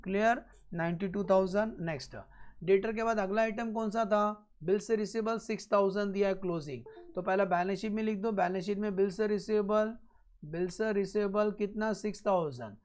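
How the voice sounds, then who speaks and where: A male accounting teacher lecturing a class. He repeats each step slowly and keeps checking that the students are following. Now and then he drops a blunt, joking aside. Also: high-pitched, fairly even intonation, darkish tone.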